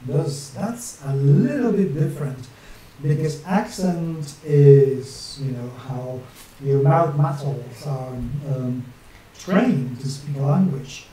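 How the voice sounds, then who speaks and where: A warm, mid-range male voice belongs to a map illustrator and channel host in his forties, rambling with jokey asides to himself as he draws a map on screen. He speaks English with a non-native accent tinged by northern English. The small home room and distant webcam mic leave the sound very echoey with a faint hiss.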